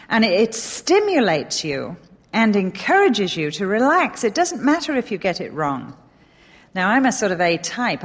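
English woman teaching in a reverberant hall. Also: medium pitch. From England. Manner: animated and emphatic, with self-deprecating humor. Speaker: Bible teacher. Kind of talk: Bible teaching talk.

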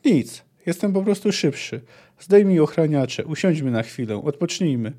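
Laconic sardonic sword teacher from a fantasy book, mellow voice, read by a guy. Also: fairly high pitch, lively intonation, moderate pace. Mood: wry. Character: dry, wry male swordsman, calm and sardonic.

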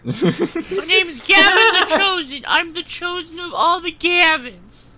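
A woman's voice: very high voice, a little slow, over a noisy crowd, low-quality recording. A woman in comedic podcast banter, playful and teasing with goofy lines.

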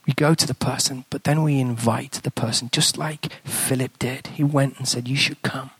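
An English-accented man preaches as a guest speaker, giving a sermon built around a story told in a chatty, conversational way, and he drops to a hushed whisper in prayer. His voice is mid-range, with fairly even intonation, a moderate pace and a breathy edge, in a dry recording.

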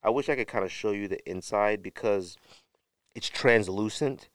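A man's fairly low voice, at a moderate pace, carries this casual show-and-tell to camera. He hosts a sneaker podcast and speaks without a script, drifting a little and correcting himself while presenting items. The audio is studio quality with no echo.

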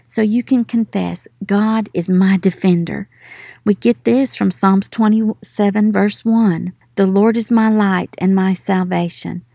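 A woman leading a devotional Bible teaching, reading scripture and affirmations in an earnest, encouraging way and slowing down on key words. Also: mid-range voice, fairly even intonation, vocal fry, warm tone, dry recording, clean studio sound. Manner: earnest, encouraging, slows for emphasis on verses.

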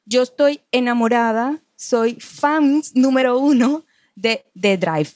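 A woman's voice: fairly high pitch, slow pace, no echo. Chatty Venezuelan woman on a dry call. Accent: Venezuelan, Maracaibo. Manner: chatty, thinks aloud with restarts and soft laughs. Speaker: guest copywriter. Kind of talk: casual conversation over a call. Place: at home in Spain. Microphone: video call.

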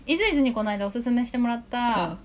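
A woman's voice: fairly high pitch, expressive. A woman hosting a podcast, chatting casually with a guest and agreeing often. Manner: chatty, quick, frequent agreeing interjections. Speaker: podcast host.

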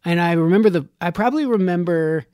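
A man's voice: high voice, quick pace, darkish tone, clear, resonant tone, no echo. A man hosting a podcast in a studio, talking in a casual, rambling way and laughing often. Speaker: podcast host.

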